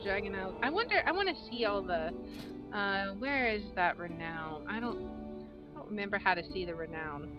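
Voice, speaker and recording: A woman's voice: mid-range voice, animated, moderate pace, muffled recording. A woman giving casual gameplay commentary and reading quest text aloud as she plays. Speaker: gamer, video host. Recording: game music behind voice.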